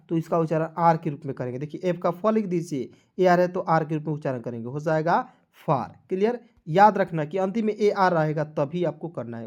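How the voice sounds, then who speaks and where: A man teaching an online lesson. He breaks words apart letter by letter and keeps checking with viewers whether it is clear. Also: sits high, a little mellow, dull audio. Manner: addresses viewers as friends, asks for likes. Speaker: English teacher.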